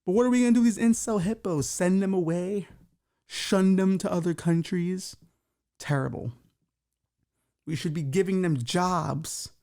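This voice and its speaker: A man speaking at normal speed in a high-pitched, dark-toned voice hosts a comedy podcast. He reads out news stories with stumbles and riffs on them with crude, mocking jokes, swearing freely.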